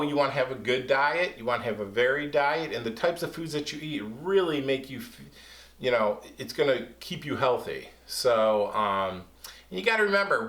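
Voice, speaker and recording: A man teaching a kids' science lesson in a casual, lively way, speaking to children. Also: medium pitch. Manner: casual, lively, talks to kids. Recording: echoey room.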